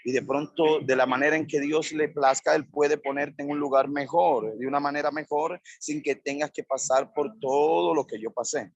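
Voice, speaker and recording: A man's voice: on the high side, steady tone, moderate pace, few pauses, no room sound, lo-fi sound. A male pastor preaching a sermon, repeating phrases in emphatic lists.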